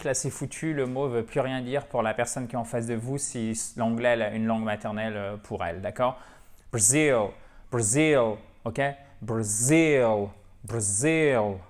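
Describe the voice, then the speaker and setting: Man, native French speaker, English teacher, playful, repeats words slowly, mid-pitched voice. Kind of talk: pronunciation lesson.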